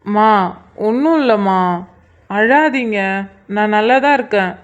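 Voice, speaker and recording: A woman's voice: fairly high pitch, unhurried, dull audio, close to an everyday voice. A woman voicing a playful young husband in a cartoon, soothing his worried family from a hospital bed. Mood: reassuring. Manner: teasing, soothing. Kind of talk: cartoon voice acting.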